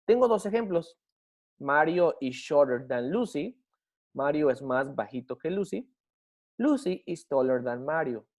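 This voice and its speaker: A man teaching an English grammar lesson in a patient explaining manner. He often checks whether his students follow him, and he slows down to spell and model English words. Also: on the high side, animated, a little mellow. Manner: patient, checks understanding with frequent questions. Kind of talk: explaining grammar in a recorded class.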